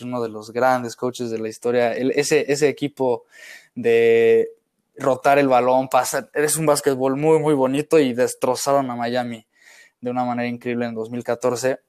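A young man with a Mexican accent talks casually as a podcast co-host. He often circles back and restarts his thoughts. His voice is smooth and clear at an average pitch. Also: a little mellow. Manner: rambling and reflective, with frequent restarts. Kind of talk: casual chat.

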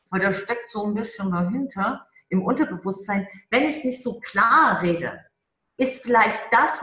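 A woman speaks as a charisma coach in an interview, stressing her points and slowing down on the words that matter. Her voice sits at an ordinary pitch. The room gives her a noticeable echo. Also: a bit bright. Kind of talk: conversational interview.

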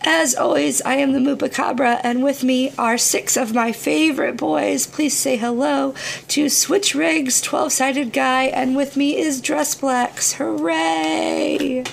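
Podcast host, woman, badly hoarse and gravelly, fairly high voice, casual, playful, sweary. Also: steady tone, a little slow, slight background noise. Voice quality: hoarse, shot voice from overwork.

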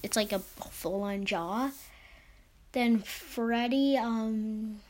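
A podcast host giving casual, unscripted fan commentary in a hesitant, halting way, often trailing off mid-thought. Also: medium pitch, a little mellow.

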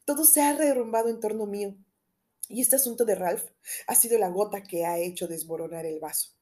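A woman reading an audiobook, voicing an anxious middle-aged gentleman who confides in urgent, lowered tones. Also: fairly quick, natural voice.

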